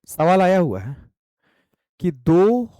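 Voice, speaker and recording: Male math lecturer, talking to students, animated and warm-toned. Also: high voice, takes it slowly, no echo. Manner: lively, talks to students directly, voices their answers. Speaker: math teacher. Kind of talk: online exam-prep lecture.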